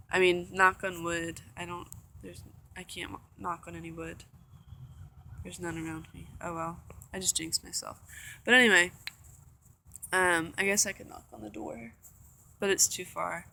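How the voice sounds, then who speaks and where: A woman's voice: lowish voice, steady tone, measured pace, vocal fry, pauses often, bright, forceful tone. A young woman vlogging from a room, telling a story in a chatty, rambling way full of fillers. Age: young adult. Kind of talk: casual storytelling vlog. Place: indoor room.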